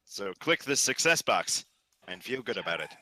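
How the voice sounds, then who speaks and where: A man's voice: lowish voice, very animated, moderate pace, bright, forceful tone. A man running a tabletop game as dungeon master, giving dry rulings and often laughing.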